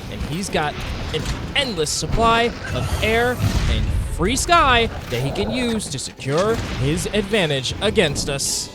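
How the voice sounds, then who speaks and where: With music behind him, a high-pitched, very animated man narrates a monster hunt in a video game, speaking a little slowly. His dramatic storytelling over the gameplay uses suspenseful phrasing.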